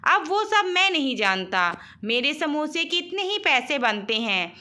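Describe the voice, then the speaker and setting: A woman doing a pushy male street samosa seller from a storybook, pitched a bit lower than her own high, bright voice. he talks briskly and insists on his money. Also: very animated, heavily acted. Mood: insistent.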